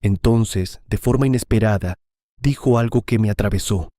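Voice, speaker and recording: A man narrating a first-person story in a calm, measured way. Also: on the low side, no room sound, studio quality.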